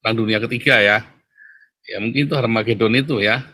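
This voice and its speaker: A man's voice: mid-range voice, fast, sharp tone, slightly rough. A man hosting a casual monologue, talking emphatically to his audience, tagging lines with a repeated address and laughing at his own remarks. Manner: repeats "saudara ya" constantly, chatty and emphatic. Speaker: host.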